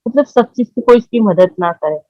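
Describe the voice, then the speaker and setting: A woman, telling her own story in halting speech, with many fillers and repeated words. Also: a little high, expressive, mellow, no room sound, dull audio. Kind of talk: emotional personal testimony.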